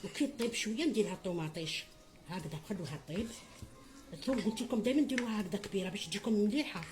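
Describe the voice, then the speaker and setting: With soft music in the background, a middle-aged woman with an Algerian Arabic accent leads a home cooking tutorial in a mid-range, darkish voice, talking very fast with lively intonation. Motherly and chatty, she addresses viewers as her children and adds blessings.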